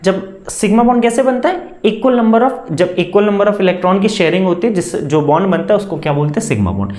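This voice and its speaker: A man's voice: sits high, lively intonation, a little mellow. A man teaching chemistry, coaxing students he calls beta and answering his own questions. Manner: dictates definitions slowly, word by word. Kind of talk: classroom lecture. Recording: echoey room.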